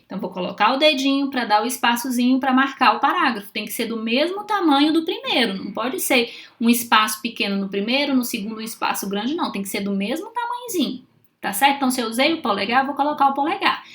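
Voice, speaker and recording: A woman's voice: high-pitched, animated, quick pace, fairly bright tone. A woman teaching young children how to write, speaking patiently and often checking in with short questions. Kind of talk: children's writing lesson.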